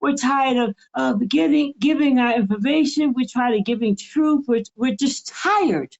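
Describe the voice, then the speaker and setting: A woman's voice: sits high, measured pace, creaky, darkish tone, muffled recording. An older woman co-hosting a spiritual talk show, speaking in an impassioned, pleading and repetitive way. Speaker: co-host.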